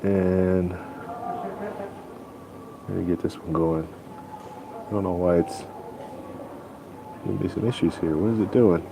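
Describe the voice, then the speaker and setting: A man hosting a casual live stream, chatting with viewers in a halting, rambling way. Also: sits low, fairly even intonation, vocal fry. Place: airport waiting area. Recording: faint airport background noise.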